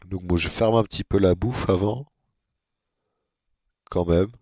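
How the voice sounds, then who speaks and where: A man giving casual, monotone commentary on his own gameplay, with self-mocking asides. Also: deep voice, measured pace, husky, no room sound, dull audio. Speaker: gaming video creator.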